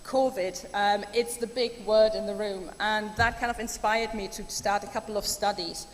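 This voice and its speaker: In a big conference hall, a German woman gives an enthusiastic, talkative keynote full of ums. Her voice sits in the mid-range with fairly even intonation at a normal speed, and the sound carries hall reverb plus faint room noise.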